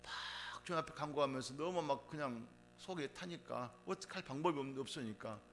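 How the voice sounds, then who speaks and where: A man's voice: medium pitch, brisk, a little hiss or hum. A middle-aged man preaching a sermon, telling a personal testimony and rising to emphatic fervor. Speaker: pastor.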